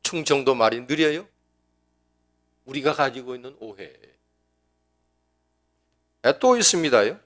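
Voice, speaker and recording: A man's voice: medium pitch, lively intonation, unhurried, long pauses, a bit bright. A pastor preaching a sermon in a folksy, joking, conversational way, often restarting his sentences. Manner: folksy and joking, acting out dialect quotes.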